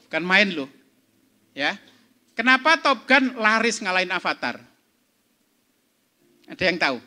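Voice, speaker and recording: A man's voice: high voice, sing-song, a little slow, sharp tone. A middle-aged man giving a seminar talk, quizzing the audience as he goes. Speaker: speaker at an entrepreneurship seminar. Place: event hall.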